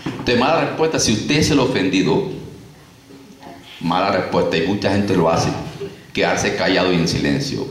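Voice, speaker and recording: A man preaching a sermon, lively and repetitive, acting out stories with sound effects. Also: deep voice, moderate pace, pauses often. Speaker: pastor. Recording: echoey room, distant mic, faint noise.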